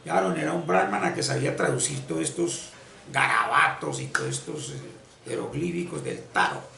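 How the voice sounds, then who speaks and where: A man giving an unscripted esoteric religious lecture, halting and repeating phrases as he searches for words. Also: on the high side, big pitch swings, vocal fry, sharp tone, distant mic. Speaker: esoteric spiritual teacher. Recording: echoey room, voice off-mic, faint ambience.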